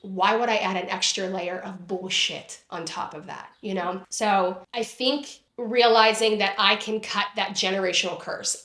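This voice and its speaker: A woman's voice: mid-range voice, bright, forceful tone. A woman in her thirties speaking candidly and from the heart as an interview guest, with frequent "like" fillers and the odd swear word. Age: 30s. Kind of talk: candid personal conversation. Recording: roomy echo.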